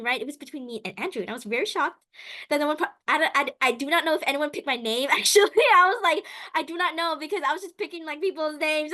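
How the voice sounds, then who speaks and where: A woman's voice: high-pitched, pushed and bright. A woman contestant chatting casually over a video call, bubbly and laughing often as she rambles. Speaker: game show contestant. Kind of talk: casual chat.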